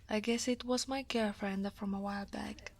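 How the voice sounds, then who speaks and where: For an ASMR roleplay, a woman from Italy with an Italian accent plays a female dragon coworker at the office who is weary and guarded. Her mid-range, breathy voice stays in a soft, tired half-whisper close to the mic.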